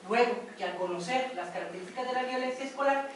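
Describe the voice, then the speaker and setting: A woman gives a classroom lecture and tells stories in a chatty way, often checking that her listeners follow. Her voice sits a little high. She sounds far from the mic in a very echoey room, with faint ambience behind her. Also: fast talker, a crowd in the background. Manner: conversational, asks for confirmation. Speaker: workshop instructor.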